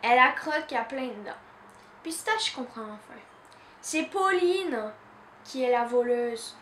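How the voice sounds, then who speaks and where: A woman from Canada reads a children's story aloud with a high voice and an unhurried, expressive delivery. The room gives her a clear echo with a faint hiss underneath. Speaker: reader.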